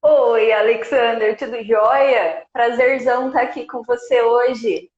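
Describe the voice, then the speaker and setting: A Brazilian nutritionist in her forties joins a casual live chat as a guest over a remote video call, telling her story conversationally. Her voice sits on the high side, a little slow with a darkish tone, and the call audio is echoey and dull.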